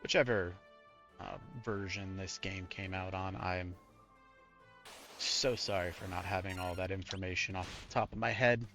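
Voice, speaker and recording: A man's voice: low-pitched, steady tone, moderate pace, bright, forceful tone, faint music behind. A man giving casual, rambling, self-deprecating live commentary as he plays a video game. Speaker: game streamer.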